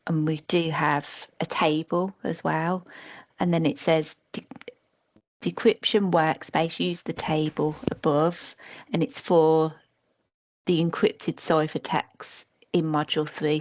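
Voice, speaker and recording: A woman with a low voice carefully reads on-screen puzzle text aloud and thinks through the answer. She is heard over a video call. The sound is dull and lo-fi. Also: level tone, slow pace. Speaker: session participant.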